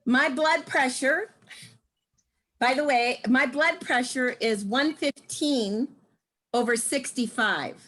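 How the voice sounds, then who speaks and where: A woman in her sixties giving a casual, lively testimonial, laughing often. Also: sits high, slow pace, poor audio. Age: 60s. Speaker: guest speaker.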